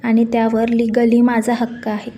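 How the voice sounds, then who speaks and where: A calm, defiant young woman speaks firmly and steadily, as a woman storyteller voices her. Her voice is slightly high, even and mellow. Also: normal speed, faint music behind, close to an everyday voice. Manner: firm, steady.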